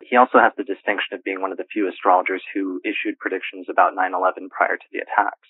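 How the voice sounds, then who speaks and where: A man hosting a radio interview, introducing his guest in a measured, formal way, heard on an old archived recording. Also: sits low, little pitch movement, slightly rough. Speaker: radio show host. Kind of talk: scripted show introduction and interview questions. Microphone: played back from archive audio. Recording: tinny phone-like old recording.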